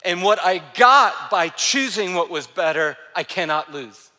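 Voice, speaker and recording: Bright-voiced preacher in a reverberant hall. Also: male voice, high voice, unhurried. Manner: animated storytelling, dropping soft for quoted lines. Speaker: pastor. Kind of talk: sermon.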